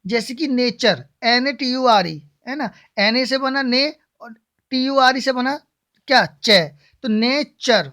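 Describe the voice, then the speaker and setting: A woman, her voice sitting a little high, teaching English pronunciation to a class. She keeps asking the class a question and then answering it herself. She spells each word out letter by letter as she goes. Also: slow pace, fairly bright tone. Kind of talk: classroom-style lesson.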